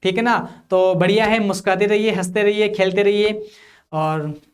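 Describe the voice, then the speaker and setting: A man from India teaching a physics class for an exam. He asks questions and answers them himself, keeps checking whether it is clear, and reads definitions out slowly. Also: sits high, steady tone. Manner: reads English definitions slowly, explains in Hindi. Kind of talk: classroom lecture for exam prep.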